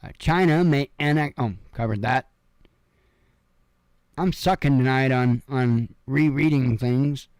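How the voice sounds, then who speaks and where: Speaking at a slow pace in a medium-pitched, somewhat mellow voice, an Illinois news commentary host reads headlines casually at home. Between items he wanders off into offhand asides stuffed with fillers, and the sound is dry.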